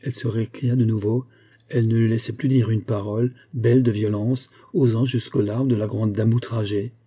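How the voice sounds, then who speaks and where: Dark husky male audiobook narrator. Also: fairly low pitch. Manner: measured, expressive novel reading. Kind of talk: literary audiobook reading.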